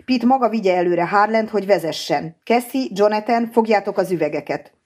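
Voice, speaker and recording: A woman's voice: medium pitch, darkish tone, voice pushed up, natural voice. A woman reading an audiobook and voicing a tough woman doctor who speaks curtly and sarcastically. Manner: curt and sarcastic.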